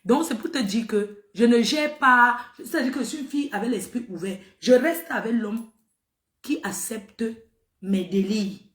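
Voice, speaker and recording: A woman's voice: on the high side, unhurried, roomy sound. A middle-aged woman telling a story to her viewers in a casual, emphatic way, repeating phrases for effect. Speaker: social media personality.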